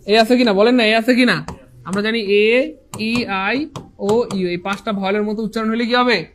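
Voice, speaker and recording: A man's voice: high-pitched, fairly even intonation, moderate pace, a bit bright. A man teaching an online English grammar lesson, asking the class questions and answering them himself, mixing English terms into his speech. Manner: often says "inshallah" and "dear brothers and sisters".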